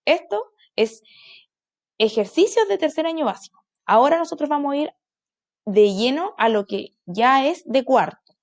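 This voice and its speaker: Brief: woman primary school teacher, slightly high voice, slow and overdrawn stress on example words, repeated drills. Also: animated. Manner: repetitive call-and-answer drilling. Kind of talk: recorded online class.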